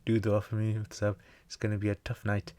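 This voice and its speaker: An Islamic teacher hosts a livestream Q&A, chatting casually and answering viewer comments in a jokey, rambling way with slangy asides. His low, warm voice is monotone and a little fast, and the recording is dry.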